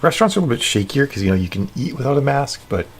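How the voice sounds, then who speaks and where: A man's voice: medium pitch, big pitch swings, rapid-fire, faint music behind. A man hosting a live stream, chatting casually and greeting viewers by name as he answers their comments.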